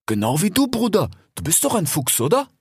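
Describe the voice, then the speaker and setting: Man doing a husky, sing-song desert fox hustler, buddy-buddy and persuasive; lively up-and-down delivery. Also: high-pitched, a little fast, dry recording, studio quality, heavily acted. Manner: chatty, keeps tagging "ja?" and "ich schwör". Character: smooth-talking male desert fox, chummy and persuasive. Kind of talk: audiobook character voice.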